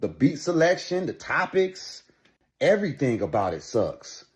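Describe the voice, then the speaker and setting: Exasperated man ranting with a lively pitch. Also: a little slow. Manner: exasperated, emphatic, swings between low grumble and outburst. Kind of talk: ranting video reaction.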